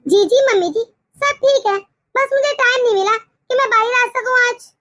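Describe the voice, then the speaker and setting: A woman's voice: very high voice, moderate pace, pushed and bright. A woman voicing a stubborn, self-centred young daughter-in-law in a cartoon, arguing back defiantly. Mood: hesitant. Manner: defiant, argumentative. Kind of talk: cartoon voice acting.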